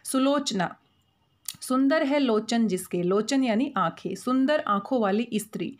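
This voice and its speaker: A woman with a fairly high, animated voice walks through grammar on her slides. Patient and methodical, she slows down to spell out each example word.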